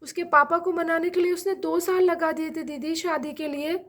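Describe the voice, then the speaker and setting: A woman voicing a gentle, worried mother-in-law in a doll-play drama, soft and pleading. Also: extremely high pitch, flat delivery, moderate pace. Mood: anxious.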